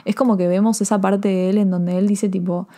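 A woman with an Argentine accent casually reviewing a TV episode, rambling and excitable, full of fillers and restarts. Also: medium pitch, fairly quick. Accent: Argentine Spanish. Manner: excitable, emotional. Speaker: TV series reviewer.

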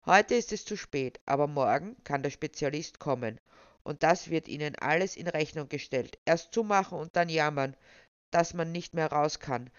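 A reader voicing a stubborn male attendant who scolds in a high falsetto, in a dull, dry recording. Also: moderate pace, clean tone, dry recording, natural voice. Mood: scolding. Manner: speaks in full falsetto, scolding. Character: stubborn indignant male official guarding a whale.

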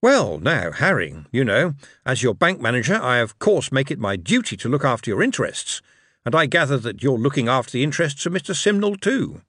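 A man's voice: mid-range voice, big pitch swings, brisk, fairly bright tone, no room sound, clean studio sound, voice pushed up. A man voicing a cheeky male con man who speaks with careful, polished diction. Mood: wary.

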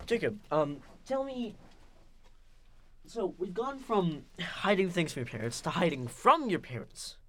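A man hosts a relaxed podcast chat, and his pitch swings around a lot as he talks. He is loose and quick to laugh between phrases, with a faint hum of room noise behind him. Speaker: podcast host. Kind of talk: casual chat.

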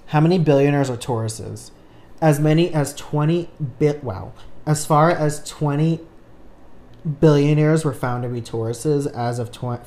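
Mid-pitched, hesitant podcast host. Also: warm tone. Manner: hesitant, with frequent restarts and asides. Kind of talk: casual chat.

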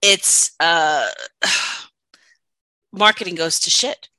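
A woman's voice: lowish voice, extremely slow, no room sound. A woman author with a New York accent, talking animatedly in a casual chat and often restarting her sentences. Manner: animated, self-interrupting storyteller. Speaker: guest, author.

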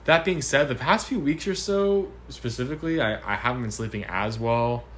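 A man's voice: mid-range voice, normal speed, fairly bright tone, a little hiss or hum. A man in his twenties answering interview questions at home, hesitant, with many ums and restarts. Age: 20s. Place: home apartment.

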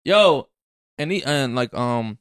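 A man's voice: medium pitch, animated, takes it slowly, a bit bright, clean tone, no room sound, studio quality. A young man chatting casually with friends and telling stories in slangy, profane language. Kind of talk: casual chat, storytelling among friends.

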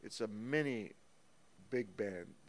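A man being interviewed as a guest musician, talking in a lively, storytelling way and counting rhythms out loud. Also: on the low side, slow pace. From United States. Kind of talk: casual interview. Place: small recording studio. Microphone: studio microphone.

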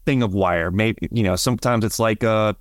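A man's voice: lowish voice, normal speed, no echo, clean studio sound. A man co-hosting a podcast in casual chat, rambling and chatty with frequent fillers. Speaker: podcast co-host, bonsai nursery worker.

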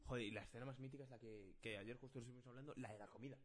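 A man's voice: mid-range voice, steady tone, rapid-fire. Man steering a casual podcast chat. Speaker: podcast co-host.

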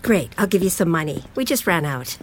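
A woman's voice: on the low side, sing-song, a little fast, husky. An actress playing an older mother who fusses over her grown son, in an audio drama. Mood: doting.

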